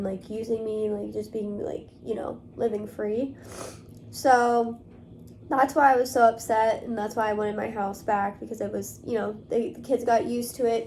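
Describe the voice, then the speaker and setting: A young woman talks straight to camera in a loose, rambling way, padding her sentences with fillers. Her voice sits a little on the high side. A faint hiss runs under it. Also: a little mellow. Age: young adult. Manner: rambling, filler-heavy, many "like" and "um". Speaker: vlogger. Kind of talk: casual talk to camera.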